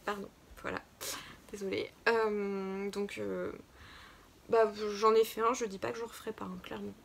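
A woman's voice: medium pitch, level tone, moderate pace, vocal fry, a little hiss or hum. A woman co-hosting a casual knitting podcast, talking hesitantly with many fillers and restarts. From France. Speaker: podcast co-host. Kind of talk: casual chat about knitting.

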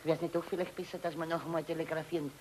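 A man's voice: a little high, little pitch movement, very fast, darkish tone, a little hiss or hum, close to an everyday voice, poor audio. An actor playing a fretful man who rambles and stammers, in 1930s film comedy style. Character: fussy flustered Austrian man, anxious about travel.

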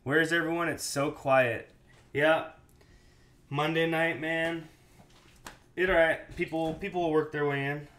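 A man's voice: fairly high pitch, fairly even intonation, unhurried, long pauses, fairly bright tone, roomy sound. A man in his thirties chatting casually as he cooks in a small home kitchen and answers live chat. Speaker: cooking show host. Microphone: fixed camera mic, host moves around. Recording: noisy kitchen, running water.

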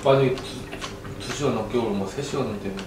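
A man's voice: mid-range voice, quick pace, noisy background. A man in his thirties talking casually over a meal at home. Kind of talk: casual chat during a family mukbang. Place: home dining room at a table. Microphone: camera microphone across the table. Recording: very echoey, distant mic, loud dish clatter.

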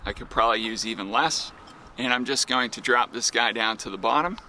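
A man's voice: medium pitch, brisk, sharp tone, a little hiss or hum. A man in his thirties presenting an outdoor fishing how-to as a guide. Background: background music.

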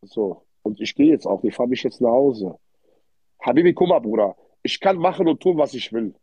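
A man's voice: medium pitch, lively intonation, moderate pace, mellow, slightly rough, no echo. A man with an Arabic-influenced accent in German, chatting casually on a livestream in streetwise slang, with frequent Arabic interjections and repeated words. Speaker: livestream host. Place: indoor hotel room. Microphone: phone without headphones, held close. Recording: dull, lo-fi phone livestream audio.

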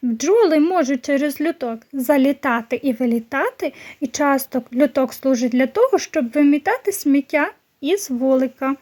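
A woman primary school teacher giving a recorded lesson to young children, slowly and patiently explaining each word. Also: high voice, lively intonation, darkish tone.

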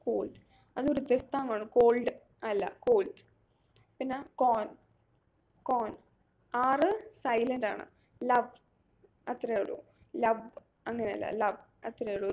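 A woman's voice: a little high, a little mellow. A woman teaching phonetics, patiently sounding out words one sound at a time. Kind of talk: explaining lesson step by step.

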